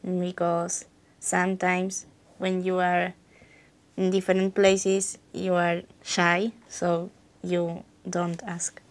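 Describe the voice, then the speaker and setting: A woman from Argentina, giving halting, simply phrased answers in a spoken English exam. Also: on the low side, completely flat delivery. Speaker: exam candidate.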